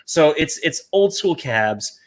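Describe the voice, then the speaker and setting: A man in his thirties from the United States, telling stories in casual chat and acting out quoted voices with big pitch jumps. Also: very animated, slow.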